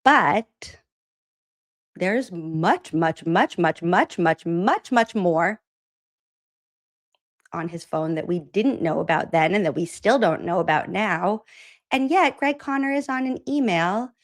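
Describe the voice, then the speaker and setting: This political commentary host from Massachusetts speaks slowly in a fairly low voice with lively intonation. Chatty and frequently laughing, she comes across as sarcastic and incredulous.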